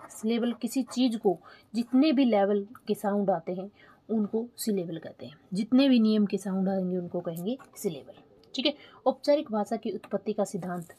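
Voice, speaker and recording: Soft, mellow-voiced woman teacher. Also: medium pitch, slightly rough. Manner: explains slowly, repeats key terms, asks checking questions; spells terms out letter by letter while writing. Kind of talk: online exam-prep lesson.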